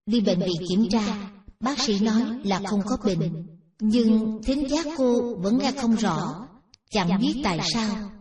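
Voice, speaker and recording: A woman narrating a Buddhist teaching story in a measured, plain storytelling manner. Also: medium pitch, a little mellow. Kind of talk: read Buddhist dharma story. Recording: roomy echo, distant from mic.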